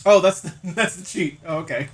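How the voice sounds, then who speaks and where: A man with a fairly high voice and a moderate pace hosts a livestream of a visual novel. He chats casually and playfully with viewers, calling people in chat by name, while game music plays behind him.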